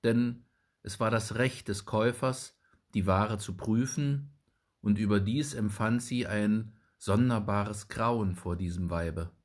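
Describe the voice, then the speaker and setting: A man reading a fairy tale aloud as narrator in a measured storytelling manner. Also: fairly low pitch, a little mellow.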